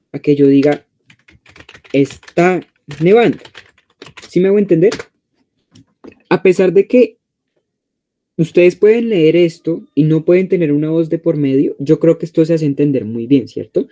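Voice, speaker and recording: A man's voice: fairly high pitch, warm tone. A man with a Colombian accent teaching an online exam-prep class in a conversational way, often checking in with his students. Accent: Colombian Spanish. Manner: conversational, frequent check-in questions.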